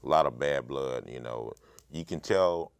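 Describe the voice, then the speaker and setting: A man in a casual panel chat about wrestling, talking in a calm, measured and agreeable way, with the air of an industry insider. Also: a bass voice, creaky, clean tone, dry recording. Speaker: podcast co-host, former wrestling worker.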